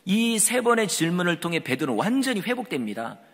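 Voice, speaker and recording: Animated male pastor in a reverberant hall. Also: high voice, brisk. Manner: animated, conversational preaching that acts out quoted speech. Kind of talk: sermon. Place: church sanctuary.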